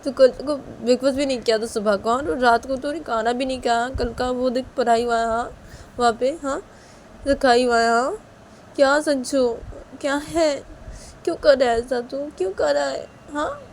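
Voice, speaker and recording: A woman's voice: fairly quick, darkish tone, slight background noise, lightly acted. A woman voicing a worried middle-aged mother who scolds and pleads with her grown child. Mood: nagging. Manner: shrill, pleading, nagging.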